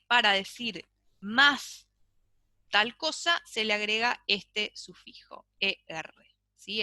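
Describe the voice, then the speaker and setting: A woman's voice: medium pitch, pushed and bright, dry recording. A woman teaching an English grammar class, explaining patiently and checking in with frequent "¿sí?". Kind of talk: online class lecture.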